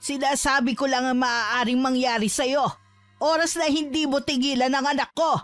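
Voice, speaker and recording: A woman's voice: a little high, measured pace, no echo, natural voice. Woman voicing a fierce protective mother. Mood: furious. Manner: warm with her son, fierce when threatened. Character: loving, fierce mother protecting her son. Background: faint music.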